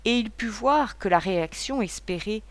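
A woman narrating a novel as an audiobook, in a measured literary reading. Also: mid-range voice, animated, no echo. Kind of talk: scripted narration.

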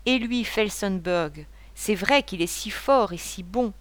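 A woman's voice: mid-range voice, measured pace, dry recording, lightly acted. A woman reading a tearful young wife. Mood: tearful, tender. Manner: tearful, pleading. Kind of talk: audiobook character reading.

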